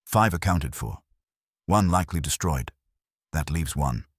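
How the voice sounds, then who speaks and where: A man reading the lines of a grave, deliberate police inspector in a mystery story, in clipped pronouncements. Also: a bass voice, expressive, breathy edge, no echo, clean studio sound, full character voice. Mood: grave, measured. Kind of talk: read-aloud mystery story dialogue.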